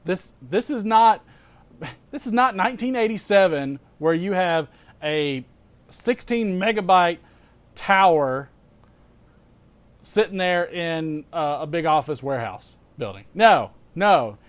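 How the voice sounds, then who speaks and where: Animated, higher-pitched man in casual chat. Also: a little slow, pauses often. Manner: animated storyteller with emphatic repetition and rhetorical questions; sarcastic, exasperated asides. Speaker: host of a pipe-smoking show.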